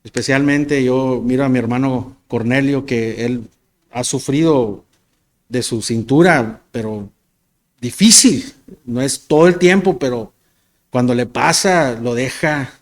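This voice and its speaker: A man's voice: medium pitch, a little slow. A man delivers a sermon. He talks like he is chatting with the congregation, poking fun at himself, and his sentences often restart and repeat. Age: 40s. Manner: conversational, self-deprecating, storytelling with stumbles and repeats. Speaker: pastor.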